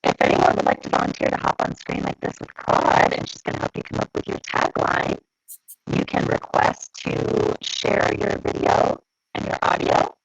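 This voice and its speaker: A woman's voice: rumbling low, completely flat delivery, normal speed, creaky, faint music behind. A woman organizing an online event, helpfully letting volunteers onto the video call. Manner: helpful, practical, admits volunteers. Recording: muffled lo-fi call with noise.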